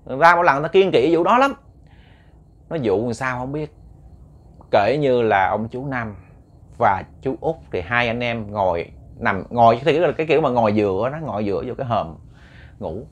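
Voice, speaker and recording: A man's voice: mid-range voice, expressive, brisk, muffled recording. Chatty storyteller man. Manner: chatty, addresses listeners, many repeated words. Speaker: ghost story narrator. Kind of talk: storytelling to an audience.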